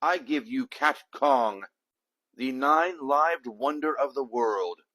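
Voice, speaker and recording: A man's voice: medium pitch, animated, slow pace, sharp tone, dry recording, pitched above the performer's own voice, heavily acted, rough recording. A man voicing a greedy, boastful mouse professor in a grandiose, proclaiming manner for a storybook. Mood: grand, proclaiming.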